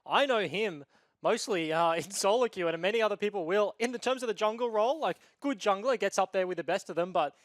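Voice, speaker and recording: A man's voice: sits high, a little fast, no room sound, clean studio sound. A man giving casual esports commentary and analysis as a caster, informal and chatty in his delivery.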